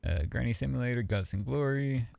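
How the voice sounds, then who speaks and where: A man streaming, chatting casually in a relaxed, rambling way and swearing freely. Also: medium pitch, a little fast, vocal fry, dry recording.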